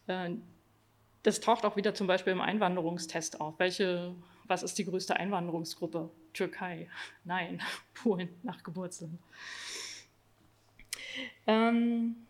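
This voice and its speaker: A woman presenting her own research in an academic talk, reading from slides and often pausing on filler sounds. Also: lowish voice, fairly even intonation. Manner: hesitant, frequent filler sounds between phrases.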